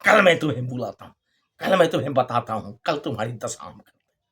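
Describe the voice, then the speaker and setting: A man playing an angry master of the house who curses and grumbles at being woken, then threatens in a low, quick voice. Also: animated, fairly bright tone, breathy edge, exaggerated voice. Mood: angry, grumbling. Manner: curses and rants, fast and low when threatening.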